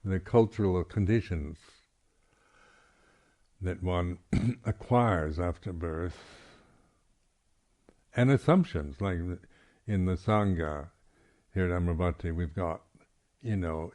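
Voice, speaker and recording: A male Buddhist monk teacher gives an unscripted, reflective talk at a meditation retreat. He speaks haltingly and often clears his throat. His voice is low-pitched with a somewhat dark tone.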